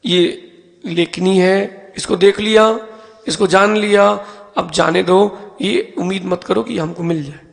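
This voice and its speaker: Slow-speaking monk with a gravelly voice. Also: male voice, high voice, in a large hall. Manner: asks listeners questions and calls on them by name; explains step by step with everyday objects. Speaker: Jain monk. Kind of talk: teaching sermon. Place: temple hall.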